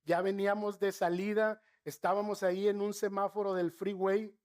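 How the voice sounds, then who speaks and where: A middle-aged pastor with a northern Mexican accent preaches a sermon, telling stories, making asides to the congregation, and slowing down to stress key phrases. His voice is high and a little mellow, with a level tone.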